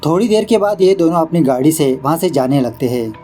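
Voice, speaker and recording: Man recapping a horror film, higher voice. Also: expressive, dark tone, soft background music. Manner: brisk storytelling with English words mixed in; quips at the film's director. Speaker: movie explainer. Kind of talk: casual Hindi movie recap narration.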